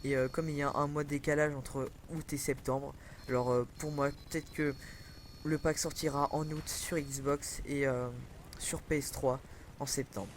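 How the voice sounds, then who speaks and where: Speaking into a headset, a young gaming commentator rambles casually about a video game, full of fillers and self-corrections. His voice is on the high side, with a little hiss or hum in the background.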